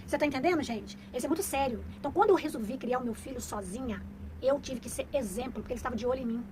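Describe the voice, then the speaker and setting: A woman's voice: high voice, rapid-fire, noisy background. A middle-aged woman talking casually to viewers as a mother giving parenting advice, emphatic and preachy, repeating her points for stress.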